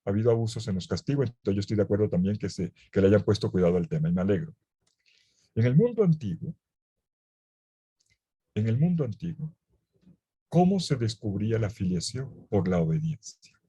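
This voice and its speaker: A man, a priest giving a lively Bible lecture, full of playful, ironic asides. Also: lowish voice, a little fast, pauses often, husky. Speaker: priest teaching a Bible course.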